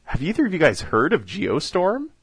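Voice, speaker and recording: A man's voice: fairly high pitch, wildly swooping pitch, moderate pace, husky, no echo. A man hosting a casual film podcast, joking and laughing often as he talks. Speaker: podcast host.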